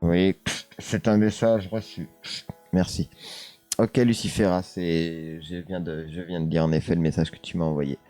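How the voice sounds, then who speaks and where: A man's voice: deep voice, steady tone, normal speed, mellow, faint music behind. A man with a French accent hosting a casual live stream, hesitant with many fillers, reading chat comments aloud and answering them.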